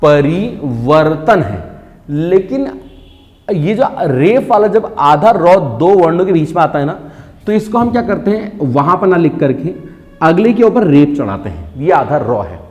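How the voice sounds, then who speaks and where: A male teacher with a fairly high, animated voice, steering his lesson by asking his listeners question after question and then answering. He stretches out the words he is explaining, and his voice carries a long reverb from the room. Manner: asks and answers his own questions, repeats key words slowly. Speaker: Hindi teacher. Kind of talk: classroom-style online lesson.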